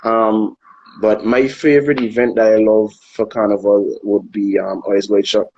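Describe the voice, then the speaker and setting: A man from Anguilla, a soca artist chatting casually in an interview, relaxed and hesitant, often repeating words while he thinks. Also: on the low side, moderate pace, slightly rough, muffled recording. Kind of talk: casual interview over a live video call. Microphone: phone on a live video stream.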